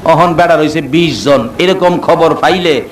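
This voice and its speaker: High-pitched preacher man, echoey and distant. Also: measured pace, a little hiss or hum. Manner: sing-song rising to shouts, acts out dialogue. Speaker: waz preacher. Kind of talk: Bengali waz sermon with storytelling. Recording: echoey amplified sound from far off.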